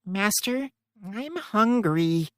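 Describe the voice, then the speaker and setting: A woman's voice: medium pitch, lively intonation, very slow, dry recording, clean studio sound. A woman voicing a small, hungry, childlike monster girl who talks in a whiny way. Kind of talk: audiobook character voicing.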